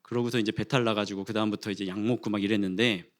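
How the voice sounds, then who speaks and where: A man in his forties preaching a sermon in a church, telling a funny personal story with lively acted-out dialogue. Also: lowish voice, fast. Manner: animated storytelling, acting out quarrels and rising to loud exclamations. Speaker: pastor. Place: church sanctuary.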